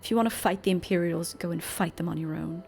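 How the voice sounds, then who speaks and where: A woman's voice: on the low side, fast, gravelly, a little mellow, faint music behind. A woman voicing a protective teenage boy from a video game, bitter and weary, with a grave, pleading delivery. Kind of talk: reading video game dialogue.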